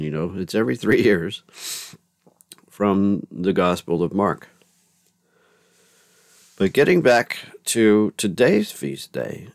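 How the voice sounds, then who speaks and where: A man hosts a faith podcast, reading scripture and offering casual commentary in a rambling, folksy style, correcting himself with many restarts. His voice is deep, and the recording is dry and studio quality.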